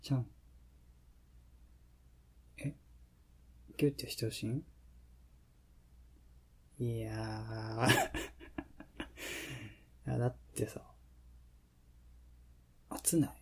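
A man playing a teasing, affectionate young boyfriend murmuring intimate pillow talk in a soft, breathy voice with a Kansai accent. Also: mid-range voice, fairly even intonation, extremely slow, pauses often, exaggerated voice. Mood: sleepy, teasing.

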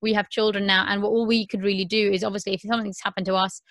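Woman in her thirties as an earnest podcast host, middle pitch, dry studio sound. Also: little pitch movement, rapid-fire, fairly bright tone, no echo. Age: 30s. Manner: earnest, repeats herself, many "um"s. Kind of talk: candid podcast conversation.

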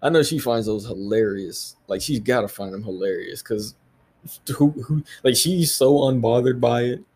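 A man in his thirties from the United States rants alone into his podcast mic. His voice is husky and sits at an everyday middle pitch. He is loose, profane and blunt throughout. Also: normal speed, darkish tone. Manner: profane, blunt, ranting with laughs. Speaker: podcast host. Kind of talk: solo podcast rant.

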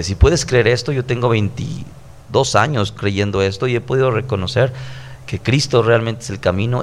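A man in his thirties with a Mexican accent, a pastor who preaches conversationally on a podcast and repeats his points earnestly. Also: mid-range voice. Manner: earnest, preachy, stacked repetitions.

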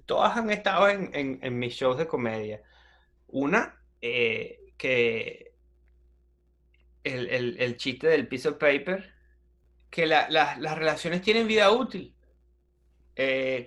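A man's voice: a little high, fairly bright tone. A man from Venezuela with a Venezuelan accent, a comedian chatting in an interview, telling stories animatedly with slang and frequent restarts. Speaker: comedian guest. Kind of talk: casual interview chat.

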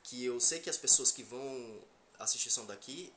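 A man's voice: mid-range voice, normal speed, sharp tone, slight background noise. A man with a Brazilian Portuguese accent from Salvador in Bahia, chatting casually on a comedic podcast, joking in heavy slang and swearing freely. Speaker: podcast host.

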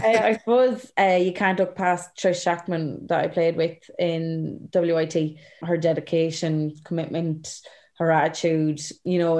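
A woman's voice: sits low, a little mellow. An Irish woman being interviewed as a sports player, chatting casually and leaning on "like" and "you know".

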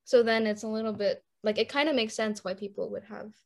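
A woman's voice: medium pitch, steady tone, fairly quick, vocal fry. A teenage girl from Indonesia in casual chat, talking in a rambling, giggly way. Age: teens.

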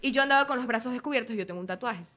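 A woman's voice: on the high side, rapid-fire. A woman co-hosting a casual podcast chat, telling a story and acting out the quotes. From Ecuador. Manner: animated storyteller, acts out quotes. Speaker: podcast co-host and actress.

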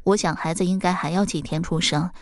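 A woman voicing a young mother in the woods, speaking weakly and hoarsely in a storybook tale. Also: fairly low pitch, steady tone, brisk, no echo, studio quality, lightly acted. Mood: gentle, weak. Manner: hoarse, pleading, weak.

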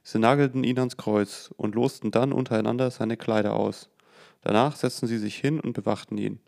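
A man reading a Bible passage aloud in a steady, plain manner, now and then correcting himself. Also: mid-range voice, normal speed, vocal fry. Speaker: Bible reader.

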